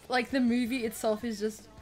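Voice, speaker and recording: A woman's voice: fairly high pitch, steady tone, moderate pace, soft background music. A woman chatting casually with her livestream viewers in a giggly, informal way, with some casual swearing.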